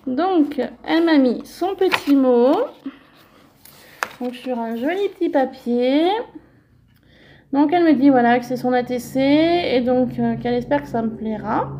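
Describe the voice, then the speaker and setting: A high, mellow-toned woman speaking slowly and gently. She chats casually through a show-and-tell of crafting mail and keeps filling her talk with small connecting words. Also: slight background noise. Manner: chatty, gentle, fills with "donc" and "voilà". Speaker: crafting vlogger.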